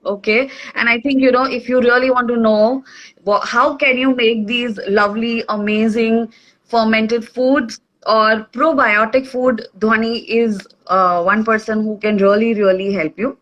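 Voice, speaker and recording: A woman's voice: fairly high pitch, steady tone, unhurried, fairly bright tone, lo-fi sound. Indian woman explaining on a video call. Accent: Indian English. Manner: explains simply, says okay often. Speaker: nutrition expert guest. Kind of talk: casual online talk.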